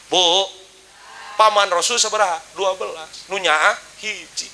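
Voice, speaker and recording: A man's voice: high voice, fairly even intonation, a little slow, sharp tone, slight background noise, rough recording. A man with a Sundanese accent preaching a humorous sermon, joking with the audience and breaking into sung praise. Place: outdoor religious gathering.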